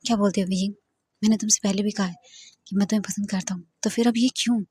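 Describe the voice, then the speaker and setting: Woman doing a teasing young boss man, cocky, breathy voice. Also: medium pitch, steady tone, fast talker, mellow, no room sound. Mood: pleading. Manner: teasing, playful.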